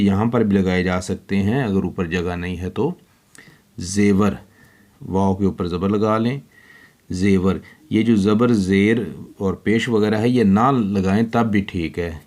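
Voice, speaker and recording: A man teaching young children handwriting speaks very slowly and patiently, spelling out every letter one by one as he writes. His voice is fairly low with a darkish tone.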